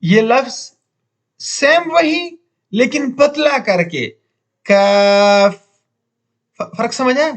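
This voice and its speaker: A man with a Pakistani Urdu accent teaching Quran reading, drawing out each letter sound slowly and repeating it for learners. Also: extremely high pitch, sing-song, vocal fry, fairly bright tone. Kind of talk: slow letter-by-letter recitation lesson.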